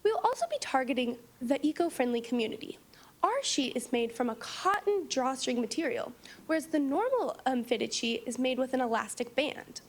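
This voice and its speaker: Young female founder, high voice, confident and rehearsed startup pitch to a panel. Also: lively intonation, normal speed. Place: meeting room, standing before seated judges.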